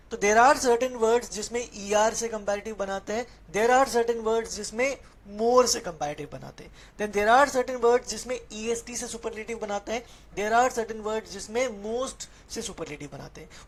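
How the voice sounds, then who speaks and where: A woman's voice: a little high, slow pace, a little hiss or hum. A woman with an Indian accent teaching English grammar in an online class, switching between Hindi and English and putting questions to her students. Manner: explaining patiently, asking students questions and reading their chat.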